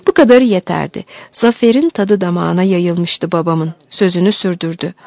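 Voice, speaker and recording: A woman narrating a classic novel as an audiobook in a steady storytelling manner. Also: lowish voice, normal speed, vocal fry, no echo.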